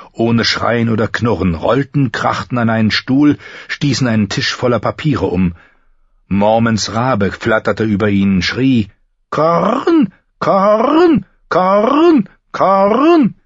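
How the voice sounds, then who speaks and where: A man reads a dark fantasy story aloud with tense, vivid delivery. His voice sits low and husky. The recording is dry and a little muffled. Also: no room sound. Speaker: audiobook narrator. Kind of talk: dramatic fantasy audiobook reading.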